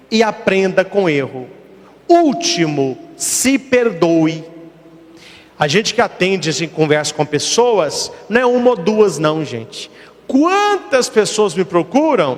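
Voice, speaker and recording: A man's voice: sits high, in a large hall. A man, a priest giving a sermon with rhetorical questions and emphatic repetition.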